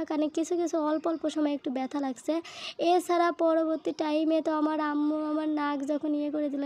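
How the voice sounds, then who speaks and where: Fast, high-voiced chatty village woman. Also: darkish tone. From Bangladesh. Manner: chatty, joking, colloquial rural Bengali speech. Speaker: vlogger. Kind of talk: casual village vlog narration.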